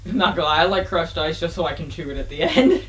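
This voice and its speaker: A man's voice: fairly high pitch, sing-song, quick pace, a bit bright. A tired American man co-hosting a podcast, playful, laughing and swearing in casual banter. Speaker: podcast co-host.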